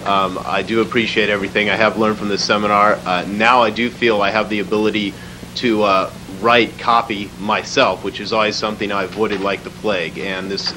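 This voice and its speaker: Businessman, low monotone voice, lots of ums, hiss behind it. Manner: earnest and plainspoken, with many fillers. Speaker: business owner giving a testimonial. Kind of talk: spoken testimonial. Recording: hissy background noise.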